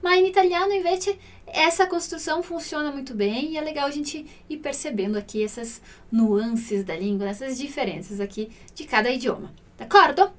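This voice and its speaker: High-voiced woman teaching Italian. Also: far from the mic. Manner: explains patiently, often asks "né?", reads Italian lines slowly. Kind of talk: language lesson explaining a dialogue.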